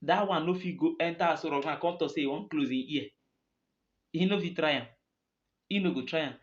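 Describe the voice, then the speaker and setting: A man's voice: on the high side, brisk. A man with a Nigerian accent speaking Nigerian Pidgin in an impassioned, emphatic political monologue, repeating phrases for stress. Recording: dull, lo-fi recording.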